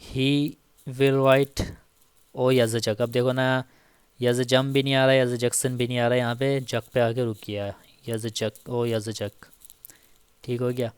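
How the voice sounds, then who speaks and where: A male teacher talks through a casual grammar lesson at an unhurried, deliberate pace. His voice is smooth and resonant. He repeats each example patiently, and the recording is dry and close. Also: medium pitch, little pitch movement, no room sound. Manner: slow, repeats each example with frequent "theek hai". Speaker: Turkish language teacher.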